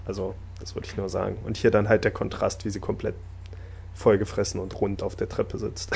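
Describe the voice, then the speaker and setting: A man chatting casually about an anime episode, talkative and laughing often, getting animated when enthusiastic. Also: fairly low pitch, moderate pace, creaky, slight background noise. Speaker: podcast host discussing anime. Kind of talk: casual chat.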